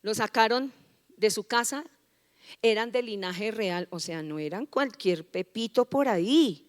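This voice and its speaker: A woman's voice: medium pitch, expressive, measured pace. A woman pastor preaching a rousing sermon, firing rhetorical questions and leading the congregation in call-and-response. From Colombia. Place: large church hall. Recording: church hall reverb.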